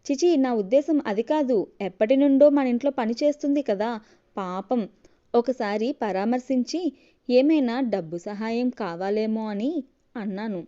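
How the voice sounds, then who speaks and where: Woman reading an annoyed husband snapping at his wife, kinda high warm voice, muffled lo-fi audio story. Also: moderate pace, natural voice. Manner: raised, scolding lines. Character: exasperated young husband, quick to scold. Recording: dull lo-fi recording.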